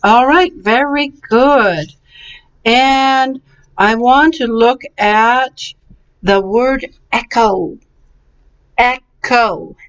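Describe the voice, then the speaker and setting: Patient woman teaching pronunciation slowly. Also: on the high side, smooth. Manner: patient, encouraging, drawn-out syllables. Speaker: English teacher. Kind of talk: slow, clearly enunciated vocabulary and pronunciation lesson. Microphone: webcam. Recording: slightly dull, lo-fi webcam recording.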